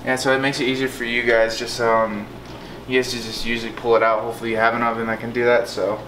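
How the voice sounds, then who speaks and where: A man's voice: mid-range voice, little pitch movement, quick pace, background noise. A man walks viewers through a home recipe in loose, rambling talk, circling back to the same points. His voice rings in a roomy, echoing kitchen, with cutlery and pans clattering around him. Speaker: co-host of a family cooking channel. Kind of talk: casual cooking demo chat. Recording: echoey kitchen with clattering dishes.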